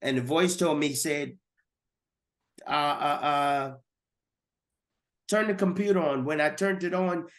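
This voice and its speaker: A man's voice: on the high side, measured pace, pauses often, fairly bright tone. A man giving a personal testimony as a guest, earnest and repeating words as he goes.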